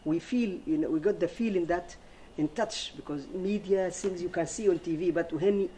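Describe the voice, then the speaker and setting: A man with a fairly high but mellow voice speaks non-native English as a guest in a discussion. He talks haltingly and emphatically, often repeating words. Faint noise sits behind him. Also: poor audio. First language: not English. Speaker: interview guest. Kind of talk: unscripted panel talk.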